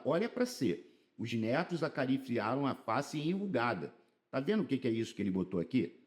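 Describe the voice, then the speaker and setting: A Brazilian man walks through exam answers as a Portuguese teacher in a casual video lesson. His pitch swoops up and down as he drags out words for emphasis. He talks in a loose, chatty way. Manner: animated, lively pitch swings, colloquial asides and stretched emphasis.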